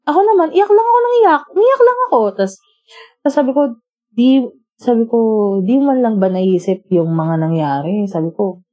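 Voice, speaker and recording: A woman's voice: on the high side, moderate pace, muffled recording. Woman telling a breakup story. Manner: animated, quotes both sides of a breakup argument, laughs often. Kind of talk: casual storytelling among friends.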